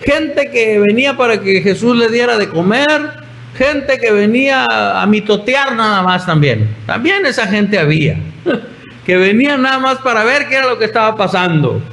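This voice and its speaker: A man's voice: sits high, animated, normal speed, fairly bright tone, poor audio. A male pastor preaching a sermon, telling the story and acting out the voices in his quotes.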